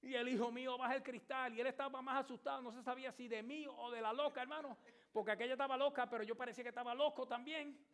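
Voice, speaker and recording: Bright, high-voiced pastor preaching. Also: male voice, steady tone, fast. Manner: storytelling, emphatic, shouts at climaxes. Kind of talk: sermon.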